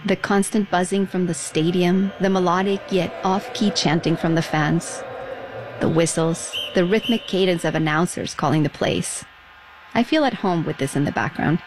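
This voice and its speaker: A woman's voice: on the low side, normal speed, background noise. A woman in her forties from Mexico, narrating a reflective personal radio feature with a nostalgic, storytelling manner.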